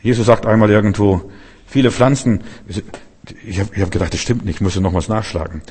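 A man's voice: lowish voice, steady tone, fairly quick, a little mellow, husky. A man preaching an informal sermon, talking straight to his listeners and often asking whether they follow. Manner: talks straight to the listener, keeps asking "weißt du?".

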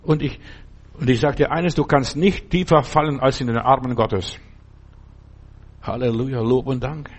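A man's voice: medium pitch, steady tone, moderate pace, pauses often, breathy edge. A man preaching a sermon, urging the listener directly and repeating his key phrases.

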